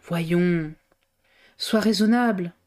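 A woman voicing a calm, firm young male journalist in a slightly lower, measured tone. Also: clean tone, natural voice.

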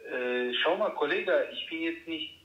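A man's voice: on the high side, animated, unhurried, reverberant, lo-fi sound. A man on a call, speaking in a confrontational, slangy way. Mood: firm. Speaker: caller.

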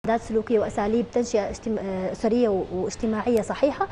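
A woman's voice: mid-range voice, fairly even intonation, racing, dark tone, a little hiss or hum. A woman with a Syrian Arabic accent, a psychologist guest on a morning TV show, explaining at length with frequent fillers and restarts.

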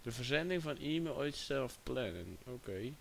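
A man's voice: mid-range voice, lively intonation, moderate pace, gravelly, background noise. A man chatting casually on a livestream, distracted and talking to his chat and a friend. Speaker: livestream host.

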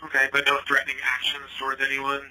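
A man's voice: medium pitch, monotone, fast talker. A man working as a transit dispatcher, speaking in procedural confirmations over two-way radio, like taxi dispatch. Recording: two-way radio, faint background noise.

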